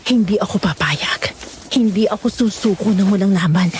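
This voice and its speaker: A woman's voice: mid-range voice, moderate pace, a little mellow, a little hiss or hum, natural voice. A woman playing a determined young nurse heroine in a horror audio drama, anxious and fierce. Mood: defiant.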